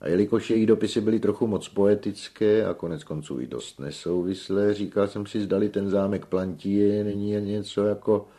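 A man reading a story aloud, voicing a flamboyant, self-important male opera singer in a loud, theatrical way. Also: on the low side, fairly even intonation, few pauses, pitched above the performer's own voice, lightly acted. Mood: pompous. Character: flamboyant vain male opera tenor, grand.

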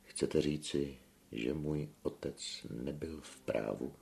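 A man reading the lines of a shy young shepherd girl in a hushed voice. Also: very deep voice, vocal fry.

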